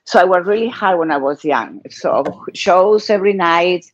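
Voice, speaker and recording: An older woman from Argentina with a Spanish accent, telling her life story as a guest in a casual interview, in halting non-native English. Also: fairly low pitch, expressive, muffled recording. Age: 60s or older.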